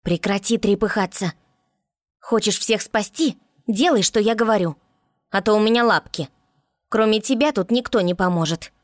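A woman's voice: medium pitch, normal speed, no room sound, clean studio sound, pitched above the performer's own voice, lightly acted. A woman reading an audiobook voices a bossy, scolding female water spirit in a raised voice.

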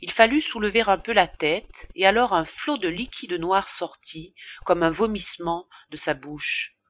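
A woman narrating a classic novel as an audiobook in a measured, even reading. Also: lowish voice, no echo. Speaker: audiobook reader.

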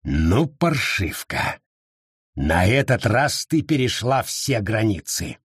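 A man voicing a gruff, domineering older brother in an audiobook, speaking harshly and with scorn. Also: a little high, big pitch swings, slow pace, no room sound, studio quality, heavily acted. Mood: threatening. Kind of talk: audiobook reading.

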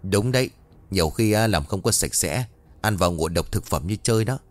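A man doing a sharp-tongued gossiping café woman. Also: sits low, animated, a little fast, dry recording, faint music behind. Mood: gossipy. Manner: scolding, gossipy.

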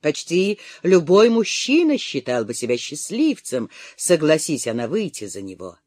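A narrator reading a romance novel aloud in an expressive, dramatic manner. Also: mid-range voice, normal speed, no room sound, clean studio sound. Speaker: audiobook narrator.

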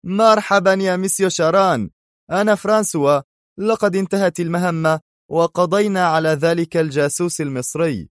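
A man's voice: high-pitched, fairly quick, dry recording, studio quality, pitched above the performer's own voice, lightly acted. A man voicing a spy who mimics a greedy male traitor over the phone, insolent and taunting.

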